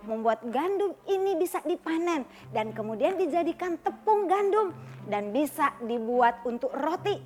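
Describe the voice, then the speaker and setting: A woman voicing a gentle older male farmer who speaks slowly and kindly. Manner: slow, lowered, kindly.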